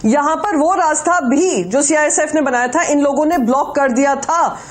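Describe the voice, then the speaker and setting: A woman's voice: high-pitched, normal speed. A woman arguing as a panelist in a heated TV debate, insistent, firing off repeated denials and mixing in English words.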